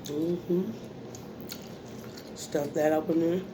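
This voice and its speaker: Female mukbang host, American, unhurried folksy chat between mouthfuls, clearly noisy recording. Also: low voice, fairly even intonation. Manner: folksy, informal, talking between bites with savoring hums. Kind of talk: casual mukbang chat while eating.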